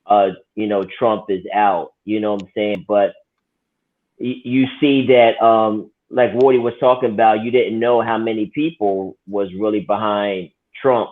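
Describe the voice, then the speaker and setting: A man with a fairly low voice talks politics casually, pausing and restarting as he thinks aloud. His delivery slips into dry sarcasm. The sound is thin and tinny, as if through a phone line. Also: steady tone. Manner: sarcastic, reflective, many restarts. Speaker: podcast co-host.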